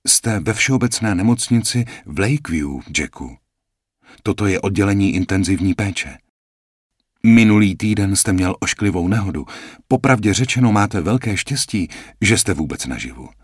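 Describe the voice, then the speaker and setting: Chirpy young nurse lady, put on by a guy reading a book, higher and livelier than his own voice, quick reassuring chatter. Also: animated, slightly rough, no echo, clean studio sound. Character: brisk cheerful young female nurse. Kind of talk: audiobook reading.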